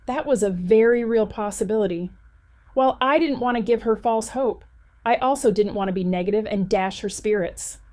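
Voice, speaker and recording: Give me a woman reading a first-person cozy mystery audiobook, middle pitch, even and conversational, recorded close and dry. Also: normal speed, no room sound. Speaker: audiobook narrator.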